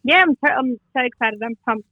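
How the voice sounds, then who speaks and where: A young woman poet from Western Sydney, Australia, joins a phone interview as a guest, sounding enthusiastic and reflective. Her voice is on the high side and a little fast, carried over a tinny, dry phone line.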